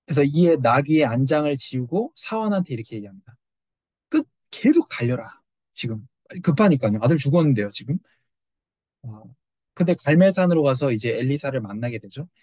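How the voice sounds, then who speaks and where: A middle-aged male pastor preaching a sermon, animated and full of rhetorical questions. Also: medium pitch, fast, no room sound.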